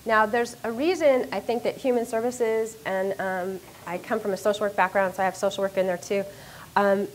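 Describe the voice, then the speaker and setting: A middle-aged woman, a university professor, gives an animated, self-deprecating lecture in a lecture room, speaking into a handheld or stand microphone. Her pitch is medium and her pace moderate, with slight background noise.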